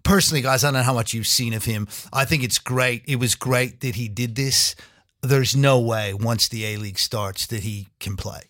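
A man's voice: medium pitch, moderate pace, fairly bright tone, no echo, studio quality. A man giving frank, conversational opinions as a football pundit on a casual podcast. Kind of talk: casual sports podcast commentary.

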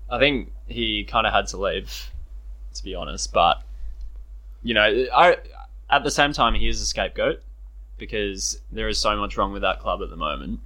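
A man's voice: on the low side, moderate pace, rough recording. A young Australian man co-hosting a casual podcast chat, telling stories with mocking impressions. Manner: animated storytelling, mocking impressions. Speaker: podcast co-host.

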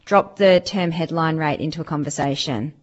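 A woman's voice: deep voice, normal speed, lo-fi sound. Bubbly Australian woman radio host. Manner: bubbly and chatty. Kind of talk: casual radio chat.

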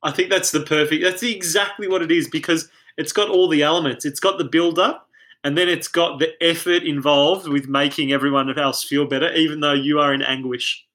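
Aussie guy on a podcast, kinda high and bright, laughing at himself. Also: fairly quick. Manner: self-deprecating, animated storyteller. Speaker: podcaster guest. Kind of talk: casual chat.

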